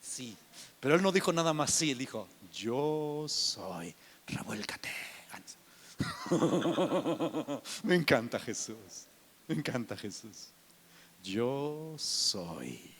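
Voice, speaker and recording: Emphatic preacher man, slow and lively. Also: medium pitch, husky, in a large hall. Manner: emphatic, swinging from shouts to hushed whispers. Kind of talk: sermon.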